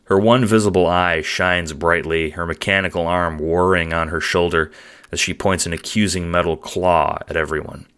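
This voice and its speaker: A man's voice: deep voice, fairly even intonation, normal speed, fairly bright tone, clear, resonant tone. A man narrating a scripted audio drama in the second person, with a descriptive storytelling manner.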